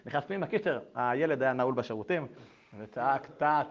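Animated man teaching Torah. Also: medium pitch. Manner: animated, shifts between reading texts and telling anecdotes. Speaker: Torah lecturer. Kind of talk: lively Torah lesson with personal stories. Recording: dull lo-fi recording.

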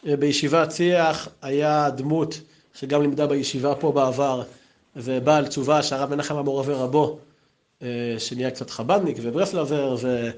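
A man giving a storytelling memorial talk, lively and full of acted-out quotes. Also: medium pitch.

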